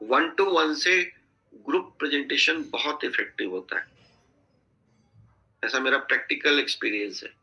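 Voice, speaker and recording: A man's voice: fairly high pitch, bright, forceful tone, lo-fi sound. A man coaching a sales team on a video call, giving instructive advice and often checking that listeners follow. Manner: instructive, repeatedly checking in with "theek hai?".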